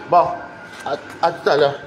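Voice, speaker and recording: A man's voice: fairly high pitch, fairly even intonation, slow, a crowd in the background. A man filming a casual vlog in an office building, delivering an indignant, repetitive warning to his online viewers. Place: office building, walking to get coffee.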